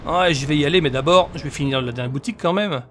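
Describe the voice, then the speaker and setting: A man's voice: fairly high pitch, fast talker, slight background noise. A man giving casual video game commentary as a let's play host. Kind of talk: casual game commentary and reading dialogue aloud.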